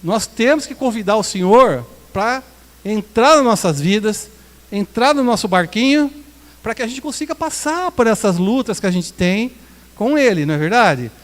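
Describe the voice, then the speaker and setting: A man's voice: high-pitched, animated, normal speed, a bit bright, long reverb tail. A Brazilian pastor preaching a sermon in a conversational, joking way, acting out quotes from his congregation. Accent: Brazilian Portuguese. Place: small church hall.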